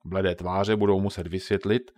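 A man doing a booming, angry bearlike camp chief. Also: flat delivery, darkish tone, no echo, studio quality, lightly acted. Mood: gruff, stern. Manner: booming, stern and threatening.

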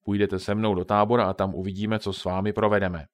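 Storybook villain-ish chief, read by a man: big, gruff, loud, scolding. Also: little pitch movement, no echo, studio quality, natural voice. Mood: gruff, stern. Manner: booming, stern and threatening. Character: huge bearlike man, gruff angry camp chief.

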